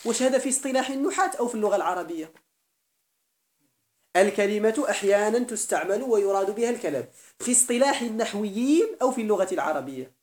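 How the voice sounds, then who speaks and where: A man's voice: sits high, animated, fast talker, echoey room. A man with a Moroccan Arabic accent teaching grammar in a classroom lecture, often questioning his students and repeating key terms.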